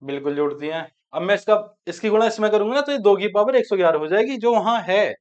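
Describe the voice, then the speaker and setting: Man, maths teacher, high-pitched, repeats each step, dull lo-fi recording. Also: animated, fast. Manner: asks students questions and answers them himself; repeats key steps aloud while writing. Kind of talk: exam-prep maths lecture. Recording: dull lo-fi sound.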